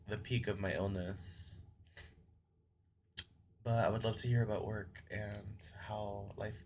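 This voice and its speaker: A young man streams a game and chats with viewers in a medium-pitched voice that's weak from a recent illness and a lingering cough. He's chatty and friendly, greeting viewers by name, with slight background noise behind him.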